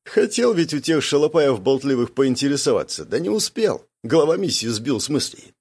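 Male audiobook narrator, first person, lively and wry. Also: mid-range voice, normal speed, husky.

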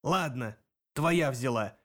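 A man's voice: medium pitch, takes it slowly, fairly bright tone. A man reading an audiobook, voicing a stubborn werewolf pack leader with a curt, barking delivery.

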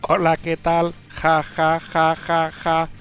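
Man doing a laughing robot voice, stiff and mechanical, gravelly, faint music underneath. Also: on the high side, monotone, slow, a bit bright, pitched above the performer's own voice. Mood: robotic joking. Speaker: podcast co-host. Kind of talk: podcast chat banter.

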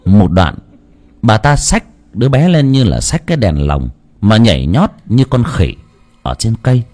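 A man's voice: fairly low pitch, very animated, moderate pace, darkish tone. A man narrating a ghost story dramatically.

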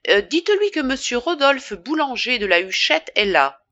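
A woman voicing a suave, calm gentleman landowner who speaks politely. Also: sits high, no room sound, muffled recording, pitched above the performer's own voice, full character voice. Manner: suave, unhurried.

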